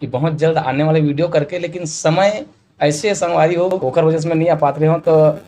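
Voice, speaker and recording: A man's voice: on the high side, fairly even intonation, fairly quick, mellow. A man with a Chhattisgarhi accent hosting a vlog, chatting casually and addressing his viewers again and again. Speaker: vlogger host.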